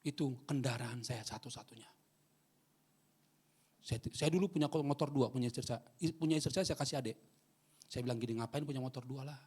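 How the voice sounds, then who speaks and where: A male pastor, preaching a sermon in a church hall. He jokes with the congregation and swings between loud preaching and quiet asides. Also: mid-range voice, brisk, pauses often, husky. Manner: animated, joking with the congregation.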